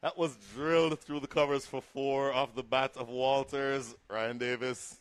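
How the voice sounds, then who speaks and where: A man's voice: mid-range voice, fairly even intonation, a little slow. A man giving live cricket commentary and analysis, explaining the play in a conversational way.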